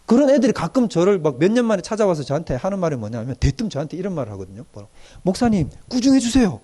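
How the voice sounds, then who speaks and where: A middle-aged male pastor preaches a doctrine lecture. His voice sits high for a man and swings widely in pitch. He acts out the people he quotes as he goes. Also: rapid-fire. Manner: animated, acts out quoted young people in dialect.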